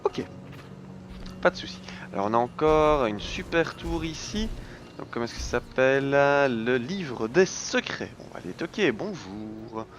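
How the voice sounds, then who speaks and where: A man's voice: medium pitch, lively intonation, unhurried, a little hiss or hum. A man hosting a casual let's play, reading the game's text aloud and tossing in dry little asides. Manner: reads game text aloud with dry quips. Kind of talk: casual gameplay commentary.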